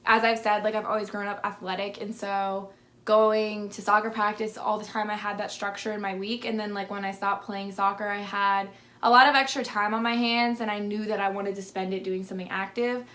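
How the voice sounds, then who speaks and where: A lisping woman in her twenties, a fitness vlogger, answers audience questions to camera in a relaxed, chatty way, leaning heavily on "like". She speaks briskly in a level, medium-pitched and slightly bright voice.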